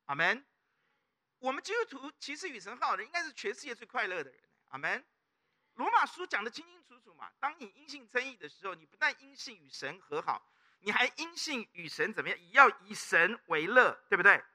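A middle-aged male preacher, Taiwanese Mandarin accent, speaks in a very high-pitched voice at a slightly fast pace. His sermon is animated, built around frequent call-and-response questions to the congregation.

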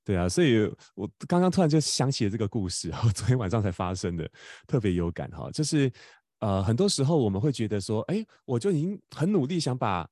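Fast-talking host, stammering. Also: male voice, medium pitch, very animated, a little mellow, no room sound, clean studio sound. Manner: fast, stammering restarts, laughs often. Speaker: podcast host. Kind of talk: casual storytelling chat.

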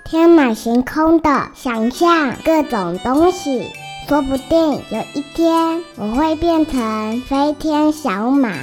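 A woman voicing a slow, dreamy little filly in a children's storybook, in a soft, childlike voice. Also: sits high, animated, soft background music, voice pushed up.

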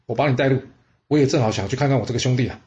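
A man's voice: medium pitch, very fast, a little mellow, natural voice. Man voicing a shrewd friendly adviser, easygoing, slightly dull storybook audio.

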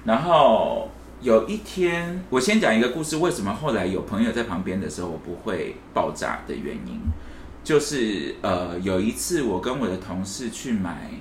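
This co-host has a lowish voice with lively intonation and keeps a moderate pace while telling a story on a casual podcast, performing the quoted lines. Faint hiss and room echo run through the recording.

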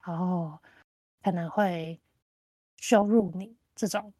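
A woman's voice: lowish voice, fairly even intonation, slow, noisy background. A woman chatting casually on a podcast, telling a story and acting out the other person's lines. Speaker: podcast co-host.

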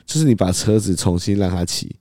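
A man's voice: low-pitched, lively intonation, a little fast, warm tone, no echo, studio quality. A man co-hosting a podcast in casual chat, reacting with short interjections and questions. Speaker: podcast co-host.

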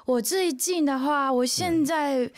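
High-voiced Japanese woman speaking accented Mandarin. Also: unhurried. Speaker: podcast guest. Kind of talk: casual chat.

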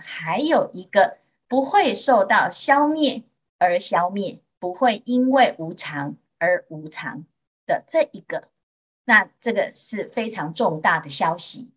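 A Buddhist nun from Taiwan giving a Mandarin sermon in a gentle storytelling manner, with drawn-out particles and a Taiwanese accent. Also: female voice, medium pitch. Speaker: Buddhist nun teaching sutra.

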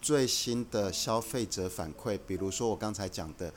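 A man who is a guest executive on a podcast, explaining his company's approach in a measured, earnest way. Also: fairly low pitch, slight background noise. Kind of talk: casual podcast conversation.

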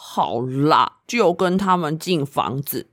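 A sulky little boy who loses his temper easily, as a woman reads him aloud. He whines in slow, drawn-out complaints, his pitch swinging up and down, in a dry, close recording. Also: animated, a bit bright, dry recording, exaggerated voice. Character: grumpy, easily upset little boy Wyatt. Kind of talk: storybook reading for children.

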